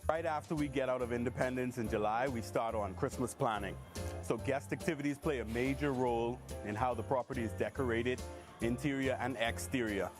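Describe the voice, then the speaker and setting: Medium-pitched man interviewed over music. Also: fairly quick. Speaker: hotel HR executive. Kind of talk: interview soundbite.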